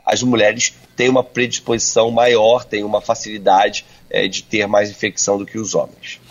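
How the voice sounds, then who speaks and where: A male urologist explains things over a landline phone, his voice a little husky and dull from the line. He hesitates and restarts often while working through his answers. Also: on the low side, little pitch movement. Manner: halting, many filler sounds and restarts. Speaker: urologist guest. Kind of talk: radio interview answers.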